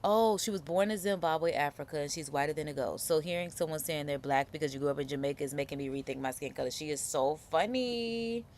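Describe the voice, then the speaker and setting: Low gravelly woman hosting a live chat. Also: quick pace, few pauses, a little hiss or hum. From United States. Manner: animated, reads viewer comments aloud. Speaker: live-stream host. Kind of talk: casual live chat reaction.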